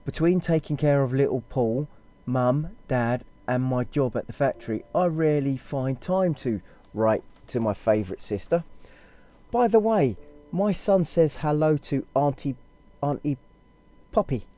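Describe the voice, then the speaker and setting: A man's voice: medium pitch, expressive, a little slow, mellow, faint music behind, natural voice. A man voicing a blunt, crude young woman reading a letter to her sister aloud, stumbling through it in a put-on accent.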